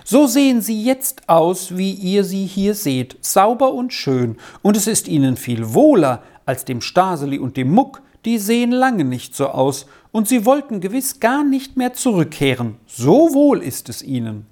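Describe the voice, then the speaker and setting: A woman voicing a lively, cheerful young girl in a storybook reading, eager and friendly. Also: mid-range voice, measured pace, few pauses.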